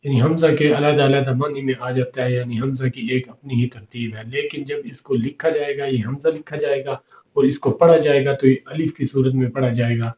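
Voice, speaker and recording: A man teaching Quran reading, explaining letters patiently and repeating them slowly. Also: mid-range voice, fairly even intonation. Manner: patient, repeats letters slowly, recites verses in drawn-out chant. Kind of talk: explanatory lesson. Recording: echoey, dull lo-fi room sound.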